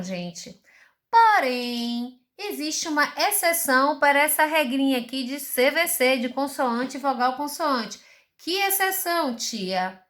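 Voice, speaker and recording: A woman's voice: sits high, fairly bright tone. A woman teacher with a Brazilian Portuguese accent giving a recorded school lesson, explaining patiently and asking rhetorical questions.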